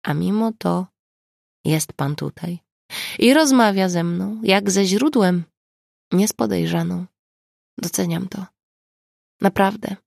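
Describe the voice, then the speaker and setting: Woman reading as a self-assured, sharp-tongued divorcee. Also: medium pitch, slow pace, creaky, long pauses, dry recording, studio quality, voice pushed up, heavily acted. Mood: grateful. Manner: confident, ironic.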